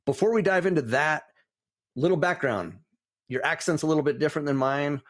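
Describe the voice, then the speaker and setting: Brisk and a little high-voiced, this man hosts a podcast and keeps the casual interview chatty. He's enthusiastic and warmly encouraging toward his guest, though he tends to ramble.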